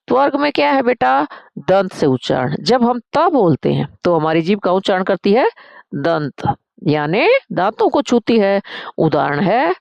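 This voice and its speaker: A woman's voice: on the low side, creaky, no room sound, highs cut off. A woman Sanskrit teacher, teaching a grammar lesson, calling her students "beta" and answering her own questions.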